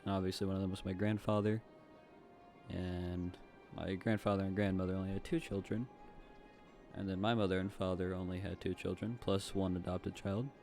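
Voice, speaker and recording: A low-pitched, slightly mellow male voice with little pitch movement and a moderate pace belongs to a young gaming YouTuber from the southeastern U.S. He has a light Southern accent and rambles chattily over his gameplay, full of fillers and asides, while faint music plays.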